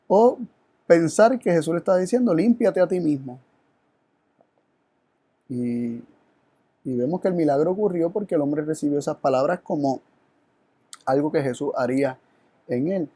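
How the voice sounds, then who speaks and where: A man's voice: a little high, mellow, dry recording. A man presenting a Bible study, teaching in an earnest, reflective way and asking rhetorical questions. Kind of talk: teaching sermon.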